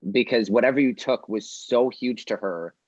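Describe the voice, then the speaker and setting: A man narrating as game master of a tabletop role-playing game, halting and full of fillers, with bouts of coughing. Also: medium pitch, darkish tone, no room sound, lo-fi sound. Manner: halting, many fillers and restarts. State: coughing fits.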